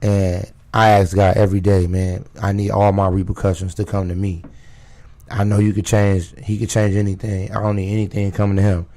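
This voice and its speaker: A raspy-voiced rapper from Chicago, talking loosely as a guest on a radio interview, full of fillers like "you know" and "um". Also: male voice, fairly low pitch, level tone, a little fast, warm tone. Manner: loose, street-casual talk with many fillers.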